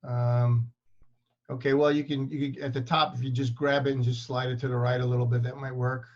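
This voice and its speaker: A man's voice: mid-range voice, flat delivery, brisk, darkish tone. A man hosting an online meeting, introducing the speaker with frequent fillers. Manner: reads the bio with many fillers. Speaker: meeting host. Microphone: video call. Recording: dull lo-fi video call audio.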